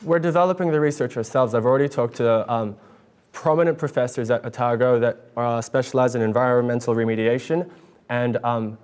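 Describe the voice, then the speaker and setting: Earnest young New man pitching. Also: a little fast, darkish tone, clear, resonant tone. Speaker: student competitor pitching a project. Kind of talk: competition pitch and Q&A. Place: stage at an awards event.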